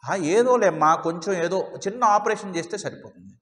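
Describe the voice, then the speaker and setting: A man voicing a calm male doctor who soothes a worried family and brushes off their fears, within a spoken story. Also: high-pitched, fairly quick, big-room sound. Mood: soothing.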